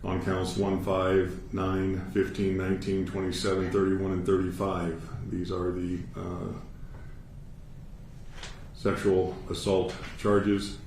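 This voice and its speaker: A man with an American accent speaking as a judge, giving a formal sentencing statement in a measured, matter-of-fact, authoritative way. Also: sits low, completely flat delivery, a little mellow. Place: courtroom. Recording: echoey room, distant mic, faint noise.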